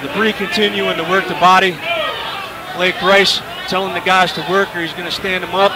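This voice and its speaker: A man's voice: high voice, flat delivery, moderate pace, heavy background noise. A man giving live MMA commentary in a conversational, descriptive way. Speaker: play-by-play fight commentator. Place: live fight venue. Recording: distant mic, loud music and crowd. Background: music and crowd.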